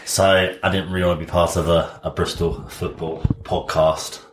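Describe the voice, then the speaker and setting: Low-voiced Englishman, dry podcast banter. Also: little pitch movement, moderate pace, roomy sound, noisy background. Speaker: podcast co-host. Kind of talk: casual bantering sports podcast chat.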